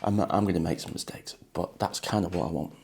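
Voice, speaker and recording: A man giving a relaxed, chatty watercolour painting demonstration, talking loosely with plenty of ums as he paints. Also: deep voice, fast talker, gravelly, background noise. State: a bit shaky from coffee. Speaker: watercolour teacher.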